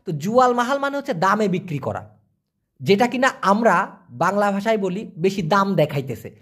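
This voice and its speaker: A man giving an online language lesson, answering viewer questions and slowly repeating foreign words for pronunciation. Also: high-pitched, very animated, fairly bright tone, slightly rough. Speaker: language teacher.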